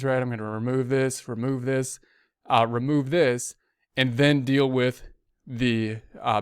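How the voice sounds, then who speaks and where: An accounting instructor talks through an informal tutorial in a smooth, medium-pitched voice, going step by step conversationally and repeating himself as if speaking to himself. The recording is dry, with clean studio sound.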